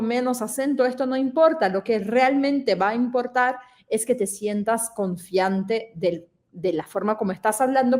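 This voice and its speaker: A woman teaching an online lesson, explaining conversationally and asking listeners questions, speaking a language she learned as an adult. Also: a little high. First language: not Spanish. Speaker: French pronunciation teacher.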